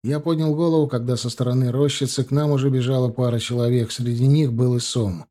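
A man narrating a first-person crime audiobook in a steady, even way. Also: mid-range voice, quick pace.

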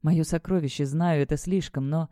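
The narrator voices a devoted man in an audiobook, tender and urgent as he tries to calm the woman he loves. The tone is mellow and dark. The recording is close and dry. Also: mid-range voice, moderate pace, dry recording, natural voice. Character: devoted protective man, shaken lover.

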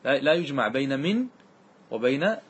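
A man teaching classical grammar to a class, asking questions and answering them himself, and reciting verse lines slowly. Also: medium pitch, big pitch swings, slight background noise.

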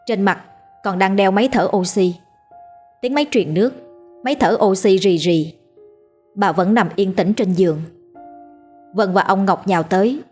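A woman narrating a ghost story in a steady, scripted storytelling manner. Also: medium pitch, moderate pace, pauses often, husky, soft background music.

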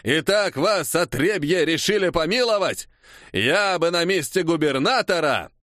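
A man's voice: on the high side, expressive, fairly bright tone, no echo, studio quality, voice pushed up. A man voicing a brutal Cossack captain who barks contemptuous orders and threats. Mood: menacing. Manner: barking, contemptuous, slow drawn-out threats. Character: brutal shouting Cossack captain, male adult.

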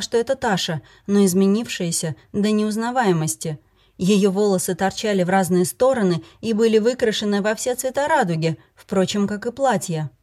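Woman, audiobook narrator, first-person fantasy story, mid pitch, even read.

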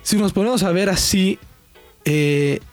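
A man's voice: high-pitched, a little slow, darkish tone, soft background music. A nineteen-year-old man from El Salvador with a Salvadoran accent, hosting a sports talk show on his own and talking casually with plenty of fillers and restarts. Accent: Salvadoran Spanish.

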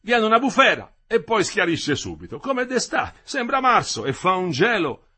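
A man's voice: high voice, huge pitch swings, moderate pace, bright, forceful tone, husky, pitched above the performer's own voice, heavily acted. A man reading the part of an old bricklayer who grumbles indignantly and fires off questions. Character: old grumbling Florentine bricklayer, moderate socialist.

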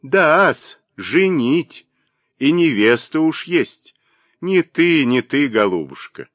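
Man playing a shrill old spinster, mocking and spiteful, lively swooping pitch, dry close sound, audiobook. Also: takes it slowly, no room sound, exaggerated voice.

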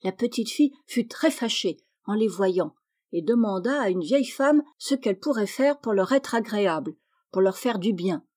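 Woman, audiobook reader, mellow tone, expressive storybook narration. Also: mid-range voice, moderate pace. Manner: expressive, lifts her voice for characters.

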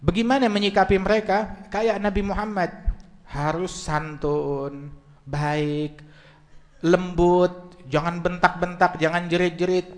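A man's voice: high voice, level tone, slow pace, pauses often. A man giving a humorous religious lecture to a live audience, talking in a loose, joking, storytelling way. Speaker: Islamic preacher.

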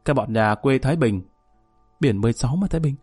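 Brief: male storyteller, mid pitch, casual and wry, dry close sound. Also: lively intonation, quick pace, a little mellow, slightly rough, no echo. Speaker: narrator. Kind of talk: first-person story narration. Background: faint music.

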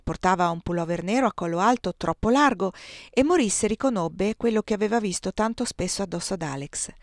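A woman reading a novel aloud in soft, measured narration. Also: mid-range voice, animated, no room sound, studio quality. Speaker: reader. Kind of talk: literary audiobook reading.

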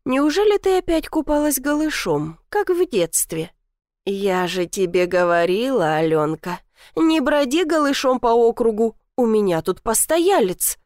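A woman's voice: a little high, big pitch swings, measured pace, a little mellow, dry recording, studio quality. A woman voicing a teasing, doting old village grandmother who talks in a folksy, sly way.

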